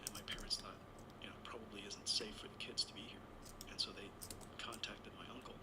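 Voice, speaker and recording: This man, born in Taiwan and now in his sixties, whispers his story briskly in a lowish, flat voice. He's a guest in an interview, wandering through a lengthy personal anecdote with frequent self-corrections.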